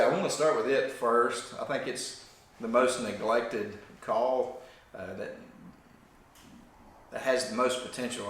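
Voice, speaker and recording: A man's voice: lowish voice, fairly bright tone. A man giving an informal, folksy hands-on explanation as a demonstrator of hunting calls. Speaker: duck call demonstrator. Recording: very echoey room.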